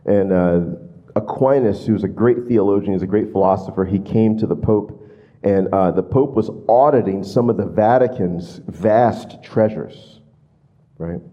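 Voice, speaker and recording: A man preaching a sermon as pastor, in an animated manner, often adding "right?" to his points. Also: lowish voice, unhurried, muffled recording.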